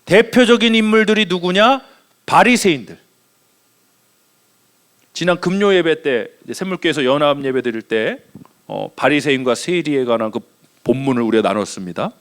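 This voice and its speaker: A man's voice: a little high, normal speed, long pauses, a bit bright. A middle-aged man from Daejeon, South Korea, preaching a sermon as pastor and putting rhetorical questions to his congregation.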